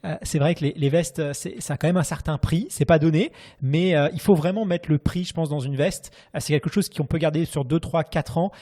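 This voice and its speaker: Quick-talking man hosting a podcast. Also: fairly high pitch, warm tone. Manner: chatty, asks questions, gives listener advice. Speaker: podcast host. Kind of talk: casual podcast conversation.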